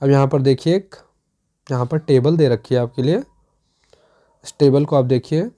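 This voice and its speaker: Teacher with a dark, mellow voice. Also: medium pitch, unhurried. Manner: explains step by step with many checks for understanding. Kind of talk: exam revision lesson.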